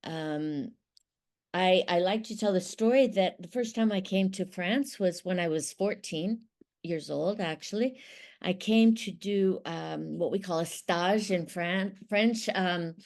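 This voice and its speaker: This Ohio woman, middle-aged and working as a business consultant, speaks as an interview guest in a lowish, slightly slow, somewhat mellow voice. The conversation is casual, and she explains methodically, now and then restarting a thought.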